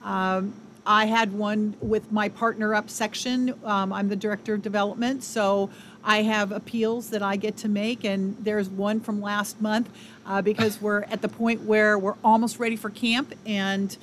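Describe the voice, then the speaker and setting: A woman's voice: medium pitch, level tone, measured pace. Female interview guest, mid-range voice; conversational, emphatic explainer, audible noise behind. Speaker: ranch development director, radio guest. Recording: clear background noise.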